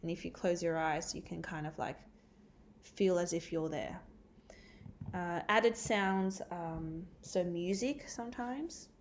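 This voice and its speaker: A woman's voice: on the low side, slow pace, a little hiss or hum. A woman teacher giving a recorded catch-up lesson, explaining step by step with frequent ums and uhs. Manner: explains step by step with many fillers.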